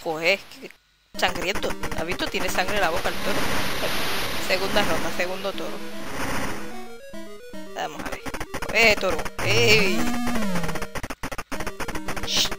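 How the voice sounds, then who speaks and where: A speaker with a Spanish accent from Spain giving casual gameplay commentary, chatty, swearing freely and shouting to cheer the game on. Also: medium pitch, steady tone, normal speed, gravelly, long pauses. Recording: loud background game music.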